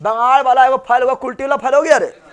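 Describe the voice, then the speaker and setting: A man's voice: very high-pitched, steady tone, fast, clean tone, a faint crowd. A male teacher, giving a classroom lecture and drilling students with repeated questions and answers.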